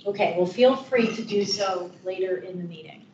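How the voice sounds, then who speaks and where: A woman's voice: fairly low pitch, moderate pace, darkish tone, dull audio, slight background noise. A woman chairing a public meeting, politely inviting people to speak and putting questions. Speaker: commission chair. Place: council meeting room. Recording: echoey room.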